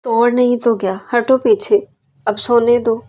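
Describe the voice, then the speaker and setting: A woman reading the lines of a playful, teasing young husband in an audio novel, in her own mellow voice. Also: a little high, steady tone, close to an everyday voice. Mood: sleepy teasing. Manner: teasing, affectionate.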